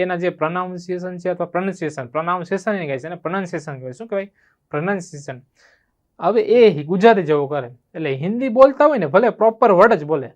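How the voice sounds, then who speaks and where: A man teaching spoken English with a Gujarati accent, explaining grammar and constantly checking whether students have understood. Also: sits high. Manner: asks students rhetorical check questions.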